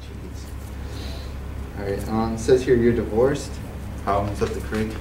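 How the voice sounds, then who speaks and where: A man's voice: on the low side, fairly even intonation, unhurried, lightly acted. A man in an amateur film playing a rude, bigoted, sarcastic office boss with a mocking, dismissive manner. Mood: contemptuous. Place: small office, some outdoors. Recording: roomy, noisy camera sound from far off.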